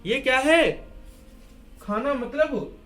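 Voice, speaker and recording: Male Hindi teacher, high voice, a question-and-answer style of explaining at the board, faint music underneath. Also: animated, takes it slowly, fairly bright tone. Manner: asks and answers his own questions, repeating key words; writes and erases on a board while explaining. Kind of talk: classroom-style grammar lesson at a board.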